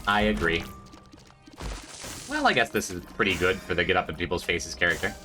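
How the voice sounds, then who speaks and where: Streaming a video game, a man rambles to his chat with a stuffed-up, congested voice, mocking himself and slipping into high, squeaky jokes. His pitch swings widely, his pace is unhurried, and music plays behind him.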